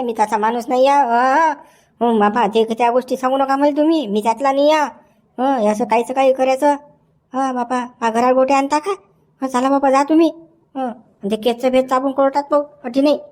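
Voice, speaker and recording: A man's voice: very high voice, steady tone, moderate pace, darkish tone. A man acting a nervous, honest village official in a comedy sketch, protesting and repeating "baba" as he talks. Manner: protesting, sprinkles "baba" through his speech.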